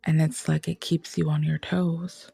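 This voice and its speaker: Low, gravelly, soft-spoken woman. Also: level tone, measured pace, no echo. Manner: rambling, soft-spoken, often drifting into whispers. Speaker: tarot reader. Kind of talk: casual reflective chat.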